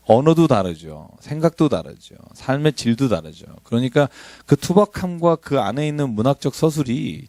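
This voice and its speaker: Middle-aged male pastor, conversational sermon with humor, expressive pitch. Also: no echo. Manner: conversational, animated, joking asides.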